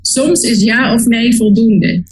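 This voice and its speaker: A woman's voice: fairly high pitch, slow pace, slightly rough, low-quality recording. A woman in an online language lesson, reading example sentences and adding short explanations.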